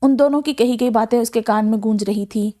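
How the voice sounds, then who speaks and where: A woman narrating a novel as an audiobook, with a steady, even storytelling manner. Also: a little high.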